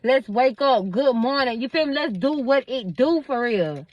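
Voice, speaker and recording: A woman's voice: high-pitched, expressive, normal speed, no room sound, lo-fi sound. A woman vlogger talking to her viewers in a casual monologue, emphatic and preachy, addressing them directly.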